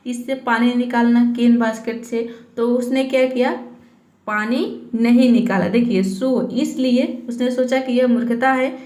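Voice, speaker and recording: A woman teaching English as a patient spoken lesson, often checking in with her listeners and spelling words out slowly. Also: fairly high pitch, fairly even intonation, darkish tone, echoey room. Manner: patient, repeats "theek hai" to check in.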